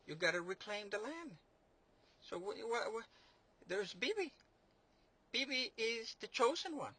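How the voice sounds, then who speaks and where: Male commentator, sarcastic and rambling, with a bright, tense tone that sits high. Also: sing-song, a little slow, slightly rough. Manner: rambling, mocking, many fillers and restarts. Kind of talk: sarcastic political monologue.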